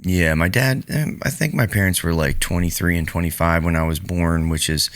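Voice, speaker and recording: Male podcast co-host, low resonant voice, hesitant joking chat. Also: normal speed, fairly bright tone, no room sound, studio quality. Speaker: podcast co-host being interviewed.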